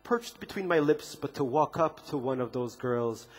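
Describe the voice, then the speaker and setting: On a festival stage in front of an audience, a man reads aloud from his memoir with wry, deadpan humor. His voice is medium-pitched and slightly rough, with lively intonation and a moderate pace, and his ironic delivery shows good comic timing.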